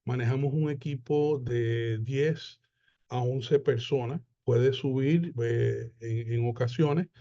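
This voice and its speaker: Man with a mellow, muffled webinar voice. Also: mid-range voice. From Puerto Rico. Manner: unhurried, with many hesitations and repeated words. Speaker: accountant presenting a webinar. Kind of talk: webinar presentation. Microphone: video call.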